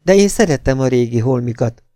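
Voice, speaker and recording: A man voicing a jealous, scheming young woman who pleads and wheedles, in a gravelly voice. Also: medium pitch, lively intonation, a little mellow, dry recording, studio quality, voice pushed up. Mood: wheedling.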